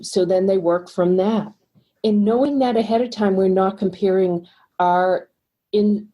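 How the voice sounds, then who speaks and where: A middle-aged woman with a Boston accent, a financial coach explaining ideas calmly and steadily as a podcast guest. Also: on the low side, slightly rough. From Boston, USA. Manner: calm, explanatory, measured. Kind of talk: podcast interview.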